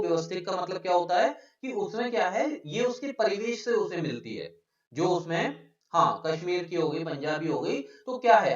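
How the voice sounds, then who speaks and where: A male teacher giving a live online exam-prep lesson. He explains a point, keeps asking the students whether it is clear, and reads out their names from the chat. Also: high voice. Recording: echoey, distant, dull lo-fi room sound.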